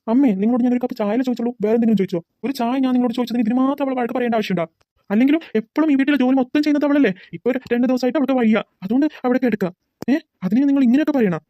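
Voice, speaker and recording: A woman's voice: a little high, mellow, no room sound, lightly acted. A woman voicing an earnest grown son in a cartoon, pleading and arguing with his mother. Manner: rapid, pleading argument. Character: adult son, earnest and pleading, defends sick wife. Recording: dull lo-fi recording.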